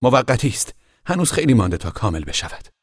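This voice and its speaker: A guarded teenage boy who lives up in the trees, as a man reading the book puts him on. He answers in curt, clipped lines, raised well above a deep reader's own voice and a touch husky. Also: sing-song, no room sound, clean studio sound.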